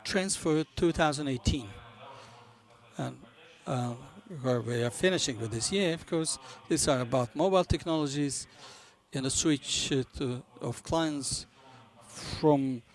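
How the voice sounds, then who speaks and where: A man who is not a native English speaker gives a business conference presentation, halting as he searches for words. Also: fairly high pitch. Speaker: conference presenter for a banking software company.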